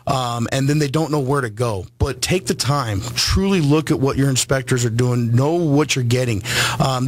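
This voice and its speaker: A man who inspects homes talks as a guest on a radio call-in show. He explains his work earnestly, stopping often with ums and starting sentences over. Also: medium pitch. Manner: many ums and restarts, earnest.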